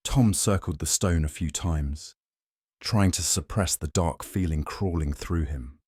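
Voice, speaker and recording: Slow, deep male suspense narrator. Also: darkish tone, slightly rough, dry recording, clean studio sound.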